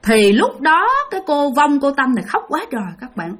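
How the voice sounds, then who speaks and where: A woman's voice: sits high, moderate pace. A woman telling a ghost story, speaking directly to her listeners. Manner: animated, addresses listeners directly.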